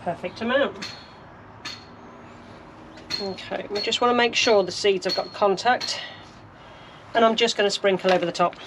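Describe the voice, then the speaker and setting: A British woman narrates casually as she sows in her allotment greenhouse, a gardening vlogger who is chatty, practical and thinks out loud. She speaks at a medium pitch and a moderate pace, leaving long pauses, with background noise present.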